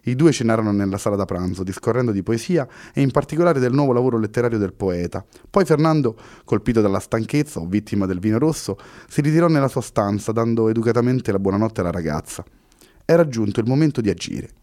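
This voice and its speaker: A man reads a novel aloud in a steady, measured storytelling voice. His tone is low and mellow. The recording is close and completely dry. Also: no echo. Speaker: narrator. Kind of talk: scripted narration.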